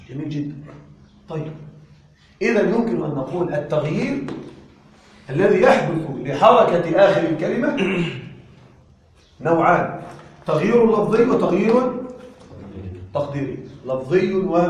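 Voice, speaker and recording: A male grammar teacher lecturing a class with a fairly high voice. He keeps firing questions at the room and answering them himself. His voice sits far back in a very echoey room. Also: slight background noise.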